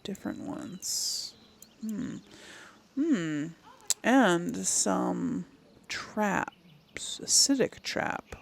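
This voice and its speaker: Murmuring to herself and reading item text aloud, a gaming video host thinks out loud through casual gameplay commentary. Her fairly low, gravelly voice is expressive, with drawn-out words and frequent pauses, and there's slight background noise.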